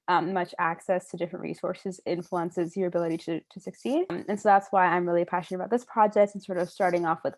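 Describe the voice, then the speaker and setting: A young woman from Illinois, a college student, giving an earnest, soft-spoken prepared presentation over a video call. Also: fairly low pitch, no room sound. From Illinois, United States. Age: young adult.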